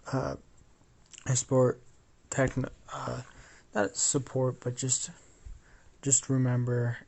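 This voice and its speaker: A man's voice: mid-range voice, vocal fry, darkish tone. A sleepy young man rambling as he narrates a fan-fiction story, full of fillers and restarts.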